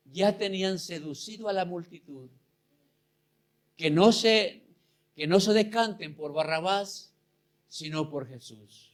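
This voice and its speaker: A man with a strikingly high voice preaches in a slow, unhurried cadence. His delivery rises into impassioned bursts and sinks into hushed, intimate asides. He punctuates his sermon with hallelujahs and speaks straight to his listeners as brothers. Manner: impassioned preaching, swinging between loud and hushed.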